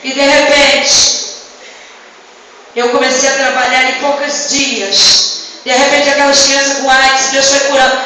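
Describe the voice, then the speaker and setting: A woman with a Brazilian accent, a missionary giving a fervent testimony sermon, shouting at her peaks. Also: sits high, level tone, a little slow, pauses often, heavy background noise. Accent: Brazilian Portuguese. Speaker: missionary preacher. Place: church hall, indoors. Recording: echoey hall, distant mic.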